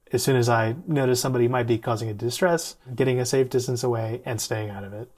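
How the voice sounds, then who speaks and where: A man's voice: mid-range voice, a little mellow. A man telling a personal story in a conversational, self-deprecating way, with the odd laugh. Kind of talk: storytelling vlog.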